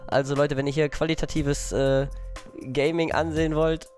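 A young man giving nervous, excitable Let's Play commentary, breaking into panicked yelps. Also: a little high, normal speed, faint music behind. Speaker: gaming YouTuber.

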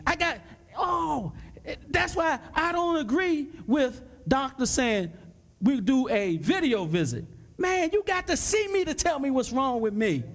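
A pastor with a very high voice that swings up and down a lot, speaking in a panel discussion. He repeats his points fervently and grows excited and loud. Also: measured pace. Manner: fervent, repetitive exhortation.

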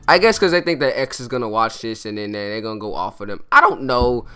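A teenage boy with a mid-range, smooth voice hosts a casual interview vlog with classmates in a school cafeteria, talking fast with big pitch swings. His chatter is laid-back and loose, full of fillers and slang. It's recorded on a phone in a noisy, crowded room, with loud crowd chatter and soft music in the background.

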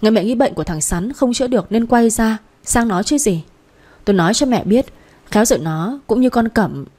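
A woman's voice: on the high side, animated, a little fast, mellow, breathy edge. A woman voicing a resentful young sister-in-law who complains bitterly.

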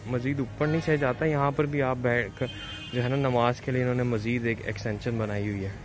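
A male vlogger from Pakistan, holding the camera himself, briskly narrates a relaxed walk around a large mosque in a steady, mid-range voice. English phrases pop up in his speech, and music plays behind him.

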